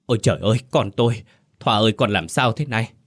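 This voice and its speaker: A man's voice: deep voice, moderate pace, a bit bright, dry recording, studio quality. Bà Lý, a distraught mother, read by a man. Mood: anguished. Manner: crying out, pleading. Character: frantic grieving village mother, middle-aged woman.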